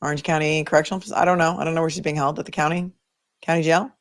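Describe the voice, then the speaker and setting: This Boston-accented woman hosting a legal livestream talks very fast in a low-pitched, level tone. She answers viewer comments casually, voicing opinions and thinking aloud as she goes.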